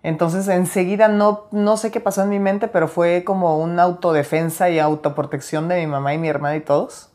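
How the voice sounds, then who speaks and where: A woman talks through personal memories in a relaxed interview. Her voice sits low and deep, and she slips into the voices of the people she quotes. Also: brisk, few pauses. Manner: animated storyteller, acts out quoted lines, laughs between stories. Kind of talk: candid interview storytelling.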